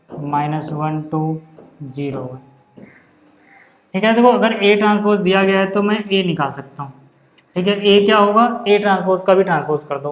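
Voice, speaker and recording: Chatty high-voiced man teaching maths. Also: slight background noise. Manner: chatty, keeps checking in with the class. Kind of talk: casual classroom lesson. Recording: roomy echo.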